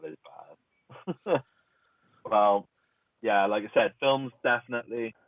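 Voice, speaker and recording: Give me a young man with a lower voice, heard over a thin, phone-like call with a bad connection, chatting and rambling casually. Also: a little slow, no room sound. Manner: rambling, laughs easily, restarts words. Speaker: podcast co-host. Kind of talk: casual chat among friends. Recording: tinny phone-like call audio, dry.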